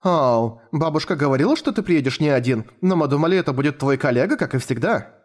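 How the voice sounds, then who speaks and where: A man's voice: fairly high pitch, animated, quick pace, a little mellow, lightly acted. A man voicing a cheerful, apologetic middle-aged mother in an audiobook. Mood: awkward.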